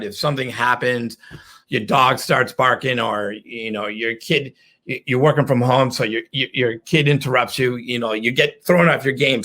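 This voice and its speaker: A middle-aged man teaching a sales webinar, animated and playful, slipping into quick mock caller voices as he explains. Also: mid-range voice. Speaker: sales trainer.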